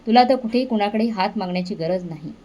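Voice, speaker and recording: Earnest young guy, kind and set on his choice, read by a woman, mellow voice. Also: medium pitch, fast talker, close to an everyday voice. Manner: earnest, reassuring. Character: young man, kind and determined manager.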